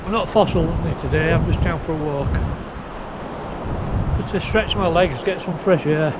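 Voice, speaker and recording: On a windy beach, a video blogger with a slightly high voice talks casually to camera at a moderate pace. He's in pain after a tooth extraction, and his sore mouth and new teeth impede his speech as if he has toothache, while the outdoor audio is windy, noisy, and muffled.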